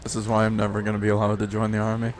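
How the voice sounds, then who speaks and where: A young man giving brash, loud commentary while playing a shooter game, talking back to the characters on screen. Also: on the low side, monotone, racing. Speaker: gamer. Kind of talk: gameplay commentary.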